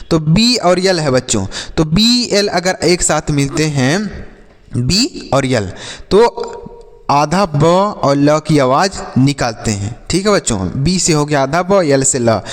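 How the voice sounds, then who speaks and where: A man teaching an English phonics lesson to children. He asks questions and answers them himself, and slows down to spell out letters. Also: fairly high pitch, big-room sound.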